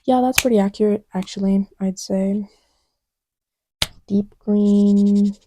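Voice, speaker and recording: This woman, an audio roleplay creator, plays the listener's partner, chatting casually and intimately while testing markers. Playful and rambling, she teases and often drops to near-whispers as if at their side. Her mid-range voice is dark and slow with fairly even intonation, and there's a little hiss or hum.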